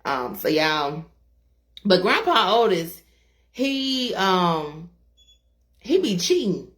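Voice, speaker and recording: Laughing woman, lowish voice. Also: very slow. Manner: relaxed and rambling, laughing often, many fillers. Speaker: co-host, interviewer. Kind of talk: casual interview chat.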